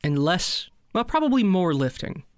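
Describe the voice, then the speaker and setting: A man co-hosting a comedy sketch, parodying a soothing guided meditation in a deadpan manner and bantering with his partner. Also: high-pitched, normal speed, dry recording, clean studio sound. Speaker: comedy podcast co-host.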